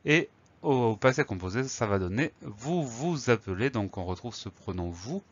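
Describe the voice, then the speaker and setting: A man teaching a spelling lesson, calmly explaining words and spelling them letter by letter. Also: mid-range voice, normal speed, highs cut off.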